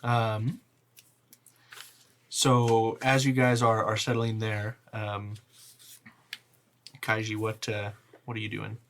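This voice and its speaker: Gravelly-voiced man running a tabletop game. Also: on the low side, level tone, slow, long pauses, a bit bright, a little hiss or hum. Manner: casual, hesitant with fillers. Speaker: game master.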